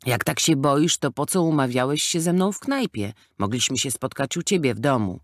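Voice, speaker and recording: A man's voice: medium pitch, animated, moderate pace, no room sound, studio quality, natural voice. Man voicing a skinny wisecracking cop. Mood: mocking. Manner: mocking, laughing, careless. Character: skinny jokey small-town male policeman.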